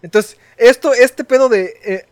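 A man's voice: very high voice, a little slow. A man with a Mexican accent, co-hosting a casual chat, slangy and emphatic. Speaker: podcast co-host.

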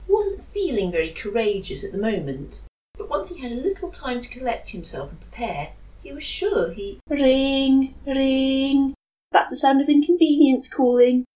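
A woman reading fan fiction aloud, expressive in her storytelling. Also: fairly high pitch, normal speed, rough recording. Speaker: reader.

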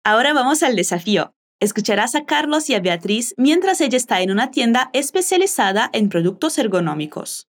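A woman hosting a language lesson, slowly and carefully modeling phrases for listeners to repeat. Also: a little high, very animated. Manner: slow, careful modeling of pronunciation. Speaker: language teacher and host. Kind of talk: language lesson with repetition drills.

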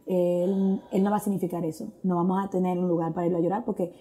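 Sharing her testimony of faith, the guest mixes English phrases into her Spanish, sounding earnest and reflective and using frequent fillers. Her voice is on the low side and dark, quick-paced, with little pitch movement.

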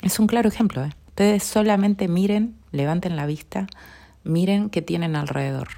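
A middle-aged woman with a Rioplatense accent and a notably low voice. She speaks in a reflective, heartfelt way, often trailing off into a hushed near whisper. Her talk is personal and unhurried, like a podcast host sharing her own story. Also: vocal fry. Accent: Rioplatense Spanish. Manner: soft, earnest, often dropping to a near whisper.

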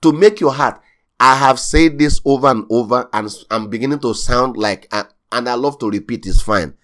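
A man's voice: mid-range voice, moderate pace, fairly bright tone. Emphatic preaching pastor, a man. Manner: emphatic, repeats key phrases, rising bursts of intensity. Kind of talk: sermon.

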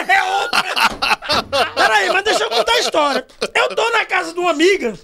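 Animated, gravelly middle-aged man. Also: extremely high pitch, moderate pace. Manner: loud, animated, laughing storyteller. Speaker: podcast guest, journalist. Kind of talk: casual storytelling chat.

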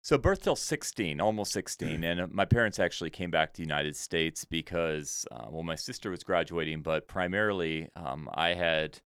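A man's voice: low voice, normal speed, hardly any pauses, fairly bright tone, clean tone, no echo, clean studio sound. A man in his thirties who grew up in Senegal, a podcast guest telling stories in an easygoing, humorous way. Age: 30s. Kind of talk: conversational storytelling.

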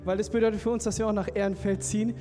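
High, hyped young preacher man. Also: flat delivery, very fast, dark tone. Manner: hyped, calls out to the crowd, mixes in English. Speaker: youth pastor. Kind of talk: energetic sermon. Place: church hall before a live audience. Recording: live hall reverb with faint music.

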